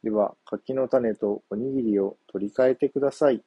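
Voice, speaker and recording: Small mother crab, firm but trusting, soft husky tone; male narrator voicing her. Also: medium pitch, moderate pace, dry recording, dull audio, close to an everyday voice.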